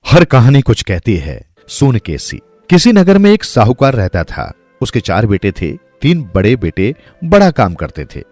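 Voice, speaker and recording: A man beginning a new folk story in scripted, expressive narration. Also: medium pitch, measured pace, no room sound, faint music behind.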